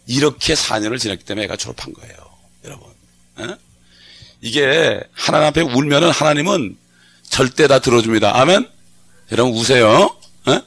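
A middle-aged male pastor with a gravelly, creaky voice delivers a sermon at an ordinary pitch. He preaches conversationally, often stopping to throw short questions at the congregation and wait for their response. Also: expressive, fairly quick, fairly bright tone.

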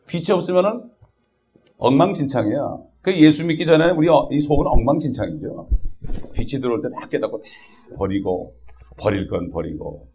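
An older man preaching a sermon, often questioning his congregation and prompting with a quick "eh?". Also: mid-range voice, a little mellow. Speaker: pastor. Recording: dull lo-fi recording.

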